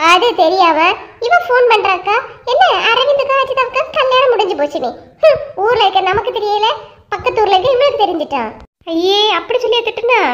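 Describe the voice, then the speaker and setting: A woman with a Kanyakumari Tamil accent voicing the characters of a cartoon story, animated and scolding. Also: extremely high pitch. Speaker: narrator voicing all characters. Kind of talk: cartoon voice acting.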